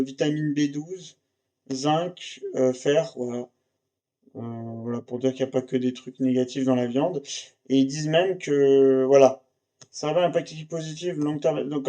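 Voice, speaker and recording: A man's voice: medium pitch, mellow. A young man chatting off the cuff about a science paper, rambling with many fillers and restarts and laughing easily. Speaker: YouTuber reviewing a science paper. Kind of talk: unscripted casual commentary.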